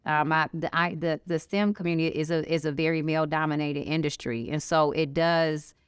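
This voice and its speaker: A woman's voice: low-pitched, fairly quick, smooth, no room sound, clean studio sound. A middle-aged woman with a Chicago accent, a small business co-founder, talking frankly and animatedly in an interview. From Chicago area, United States. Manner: frank, animated storytelling with emphatic asides. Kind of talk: candid conversational interview.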